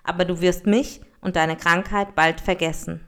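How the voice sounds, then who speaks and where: Life, a wandering healer spirit, speaks in a calm, measured, solemn voice, as a woman reads it aloud. It is a plain storybook reading. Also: on the low side, smooth, voice pushed down. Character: Life, a wandering spirit who heals and tests people.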